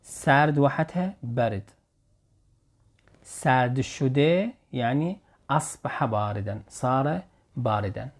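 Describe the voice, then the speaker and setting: A man with an Iraqi Arabic accent teaching short Persian phrases, slowly repeating examples and explaining each word. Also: mid-range voice. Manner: slow careful repetition of example phrases.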